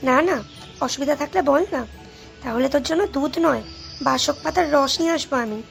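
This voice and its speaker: A nagging cartoon mom. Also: female voice, sits high, brisk, gravelly, soft background music. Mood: wary. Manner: nagging, scolding, then soothing. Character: scolding but caring young mother. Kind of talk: Bengali cartoon voice acting.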